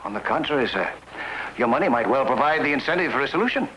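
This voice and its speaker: An actor playing a smooth-talking, lazy drifter with florid, courteous and pompous speech in a western comedy. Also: male voice, mid-range voice, animated, fast talker, sharp tone, slight background noise, low-quality recording. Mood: courteous, ingratiating. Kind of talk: western screen comedy acting.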